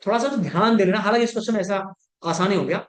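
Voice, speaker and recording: A high-pitched male chemistry teacher lectures his class, often checking that students have understood. He mixes English terms into his speech, slowing down to dictate and then speeding up to explain.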